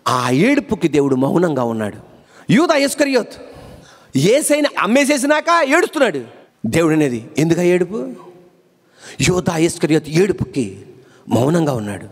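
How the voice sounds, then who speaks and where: A high-pitched male pastor preaches in a church hall, his voice carrying a long reverberant tail. He hammers home repeated rhetorical questions, then rises into emphatic, ringing calls to the congregation. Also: gravelly, husky. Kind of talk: sermon.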